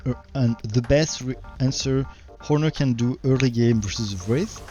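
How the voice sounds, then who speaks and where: A man with a French accent, a native French speaker, giving halting live game commentary with a tired voice. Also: medium pitch, mellow, soft background music. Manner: halting, repeats words while searching for English. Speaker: game streamer.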